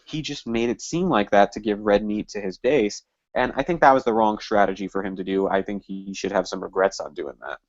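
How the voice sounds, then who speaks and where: A man being interviewed on a podcast, talking in emphatic, animated bursts. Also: on the low side, a little fast, no room sound. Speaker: guest, party office candidate. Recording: dull lo-fi dry sound.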